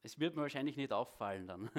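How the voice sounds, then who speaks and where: A preacher giving a sermon and prayer in a church hall, speaking with a halting delivery that often repeats words. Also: male voice, mid-range voice, animated. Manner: halting, repeats words, self-deprecating asides.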